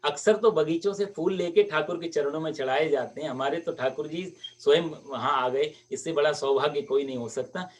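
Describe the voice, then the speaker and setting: Male katha preacher, lively narrator, slightly high voice. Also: normal speed, few pauses, recorded from a distance. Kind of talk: devotional story sermon.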